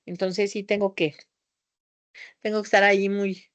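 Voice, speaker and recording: A woman lecturing a class in a high, squeaky voice that she keeps loud so people at the back can hear. She is theatrical and shifts her tone often, and she wanders off on tangents. Her voice sits at an ordinary pitch for a woman, and the sound is dry and close. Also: flat delivery, normal speed, no echo. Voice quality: high-pitched voice, calls it a squeaky off-key whistle. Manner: scattered, jumps between topics with tangents. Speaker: homeopathy teacher.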